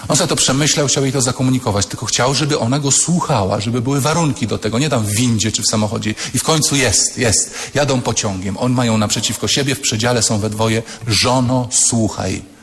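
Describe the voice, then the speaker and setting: A man's voice: mid-range voice, fast talker, few pauses. A man, a priest, giving a humorous sermon to students, telling anecdotes and acting out the people in them. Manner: storytelling, acts out quoted voices. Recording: echoey hall with long reverb.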